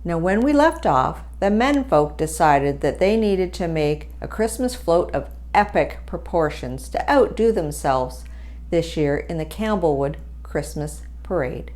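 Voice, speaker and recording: A woman with a low voice reads a scripted, lighthearted story aloud as a storyteller, with music behind her. Her intonation is lively, her pace a little slow, and her tone darkish.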